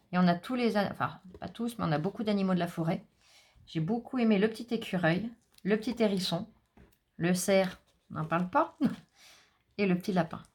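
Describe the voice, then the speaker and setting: French lady doing a craft unboxing, chatty and excited, talks right to the viewers. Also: mid-range voice. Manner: chatty, enthusiastic, addresses viewers directly. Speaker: craft vlogger. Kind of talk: casual unboxing chat.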